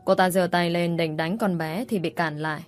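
A woman's voice: fairly low pitch, fairly even intonation, normal speed. Woman narrating a story over music. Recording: soft background music.

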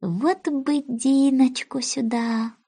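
A woman's voice: sits high, animated, unhurried, pitched above the performer's own voice, full character voice. A woman voicing a polite, dreamy little girl who talks earnestly.

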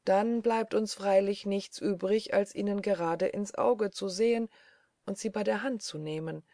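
A brooding male assistant with a dark, wistful way of speaking, as a woman reads him aloud. His voice has a gravelly edge and a mellow warmth. The sound is dry and close, like a storybook reading. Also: medium pitch, fairly even intonation, a little slow, dry recording, close to an everyday voice. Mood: wry. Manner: musing, darkly wistful. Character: brooding eerie male assistant, gloomy dreamer.

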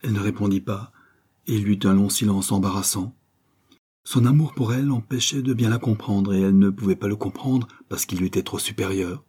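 Guy reading a novel aloud, mellow low voice, kinda husky. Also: brisk. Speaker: audiobook narrator. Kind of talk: measured literary narration.

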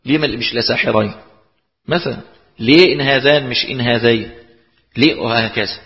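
A man's voice: medium pitch, brisk. A man with an Egyptian accent teaching a class, explaining points and posing rhetorical questions that he then answers himself. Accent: Egyptian Arabic. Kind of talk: lecture explaining a text. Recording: lo-fi recording in a reverberant hall.

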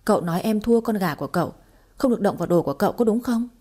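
A woman reading aloud and voicing a sharp-tongued, scheming young wife who teases in singsong rhymes. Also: mid-range voice, expressive, rapid-fire, close to an everyday voice. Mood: pert.

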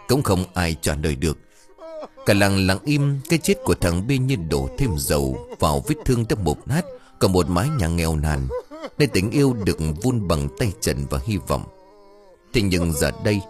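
A man narrates a tragic audiobook tale in a somber, mournful way. His voice is very deep and husky, with wide swings in pitch. Faint music plays behind him.

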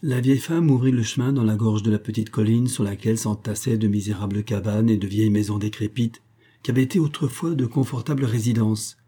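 A man reading a Victorian novel aloud as an audiobook narrator, in a measured, even storytelling manner. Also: on the low side, slightly rough.

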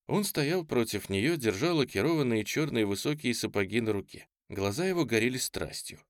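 A man narrating a novel as an audiobook in a measured, expressive reading. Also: medium pitch, dry recording, clean studio sound. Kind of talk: scripted literary narration.

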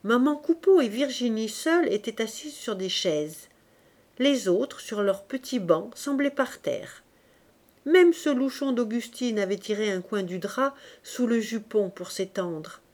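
A woman reading a novel aloud in a measured, even narration. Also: a little high. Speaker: audiobook reader.

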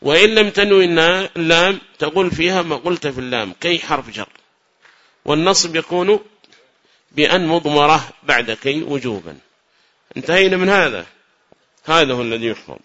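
A man leads a classroom grammar lesson, his voice bright and a little high. He explains patiently, repeats key points and questions his students. The recording is muffled and lo-fi. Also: lively intonation, brisk. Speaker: grammar teacher.

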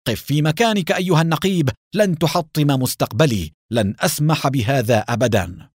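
A man voicing an anguished wealthy man with a split personality, pleading and shouting defiantly in a radio-style story reading. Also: medium pitch, animated, brisk, no room sound, studio quality, natural voice. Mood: firm.

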